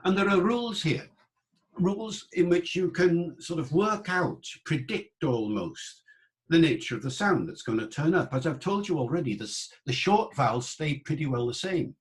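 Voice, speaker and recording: An older man giving an online lecture, pronouncing words slowly and repeating them to show how they sound. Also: fairly high pitch, expressive. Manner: slow, careful, repeats words to demonstrate sounds. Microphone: online talk microphone.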